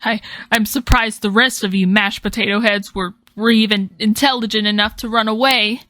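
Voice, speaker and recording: A woman's voice: mid-range voice, steady tone, moderate pace, pushed and bright, no room sound, lightly acted. A woman voicing a rude, grumpy kid in a storybook, speaking in a scoffing, sneering way. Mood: scornful.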